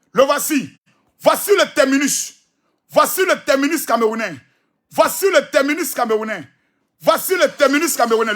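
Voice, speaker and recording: A man with an Ivorian French accent delivers a teasing, repetitive monologue, often shouting. His voice sits high and sounds bright and forceful. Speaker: social media commentator. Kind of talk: animated provocative monologue.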